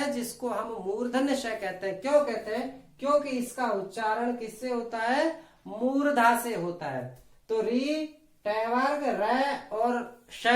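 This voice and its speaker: Slow, deliberate woman teaching grammar. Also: a little high, reverberant. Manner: slow, deliberate, demonstrates sounds aloud one by one. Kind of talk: exam-prep grammar lesson.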